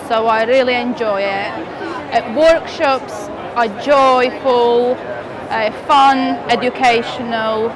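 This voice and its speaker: A woman from Latvia, a dog trainer giving an enthusiastic testimonial in simple phrasing with small grammar slips. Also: fairly high pitch. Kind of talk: testimonial interview. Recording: clear outdoor noise.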